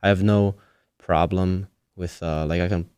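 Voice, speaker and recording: A man's voice: low voice, fairly even intonation, measured pace, darkish tone, clean tone, dry recording. A man hosting a casual podcast, asking long questions while searching for words. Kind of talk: casual interview chat.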